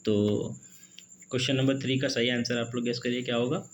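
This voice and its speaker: Man teaching exam English, slow question reading. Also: medium pitch, steady tone, slight background noise. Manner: reads questions slowly, peppers with "ठीक है" and "दोस्तों". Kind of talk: exam-prep lesson in Hindi-English mix.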